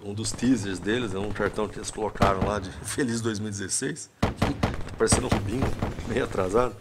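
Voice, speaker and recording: A gaming commentator with a Brazilian accent rambles casually over a video game, using plenty of slang. His voice is on the low side, steady in tone and quick. The recording is very noisy, with clicking in the background.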